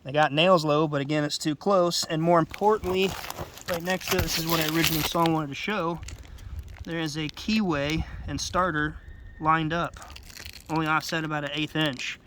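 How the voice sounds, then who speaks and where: On a house roof outdoors, a roofer with a congested nose talks through his own video in an informal, unscripted, plainspoken, rambling way, explaining the work hands-on. His nasal voice is fairly high and steady in tone, at normal speed. The background is noisy.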